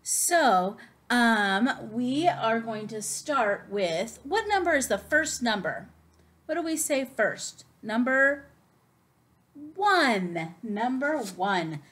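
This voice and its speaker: Lady doing preschool circle time, high voice, really slow, exaggerated sing-songy cartoon intonation. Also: fairly bright tone, slightly rough. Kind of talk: children's lesson to camera.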